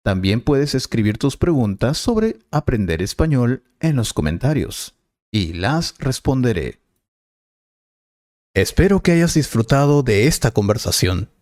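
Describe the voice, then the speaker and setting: Patient man teaching with a lively voice. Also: mid-range voice, unhurried, no echo, studio quality. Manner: clear, patient explaining. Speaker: Spanish teacher. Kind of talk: scripted lesson dialogue.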